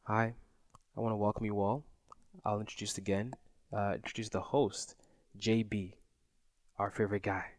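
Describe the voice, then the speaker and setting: A man co-hosting a podcast, playful and teasing, talking in quick bursts. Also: fairly low pitch, little pitch movement, no echo. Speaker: podcast co-host. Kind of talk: casual chat.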